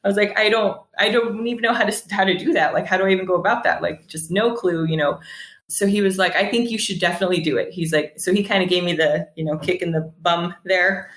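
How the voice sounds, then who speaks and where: A chatty American woman in her thirties from San Jose, California, appears as a podcast guest; she owns a bakery. Speaking quickly in a fairly low voice within a roomy space, she tells casual stories, acts out dialogue with gusto, and laughs often.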